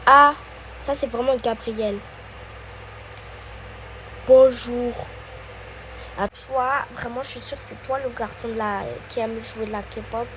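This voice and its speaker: A woman hosting her own video, chatting casually to viewers in a slow, hesitant way with many fillers. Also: a little high, steady tone, background noise. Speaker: channel host.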